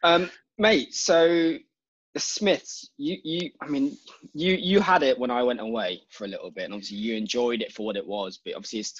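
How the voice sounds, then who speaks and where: A man co-hosting a podcast, talking in a relaxed, knowledgeable way and checking details with his co-host. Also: medium pitch, normal speed, slightly rough, no room sound, lo-fi sound. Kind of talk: casual chat.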